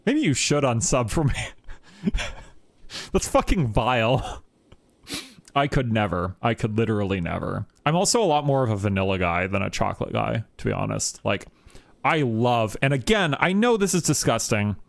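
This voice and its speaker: A man chatting casually on a live stream while playing a game, rambling with lots of fillers and laughs, getting animated when he tells a story. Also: mid-range voice, moderate pace, vocal fry, no echo.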